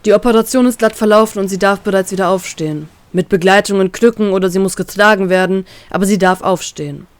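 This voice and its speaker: A woman reads a first-person fan-fiction story aloud at an average pitch. Her narration is calm and even. The recording is dry and close. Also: quick pace, few pauses, no room sound. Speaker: reader, narrator.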